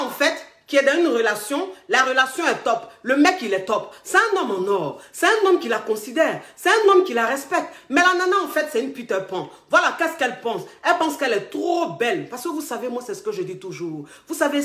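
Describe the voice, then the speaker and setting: In an echoey room, a relationship coach with an Ivorian accent speaks straight to camera in a high, fairly bright voice. She gives advice emphatically, repeats herself, and calls her viewers darlings, all while nursing a cold and a sore throat.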